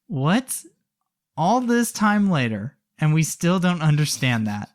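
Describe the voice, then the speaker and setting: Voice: mid-range voice, very animated, takes it slowly. A podcast co-host telling a story casually, with wry asides to the listener.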